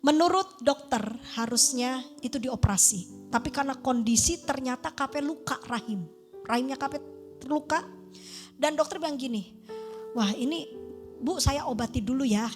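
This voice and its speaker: A woman's voice: sits high, normal speed, music in the background. A woman, a pastor telling a testimony in a sermon and acting out the voices in her story. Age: 50s. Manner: animated storytelling, acting out dialogue.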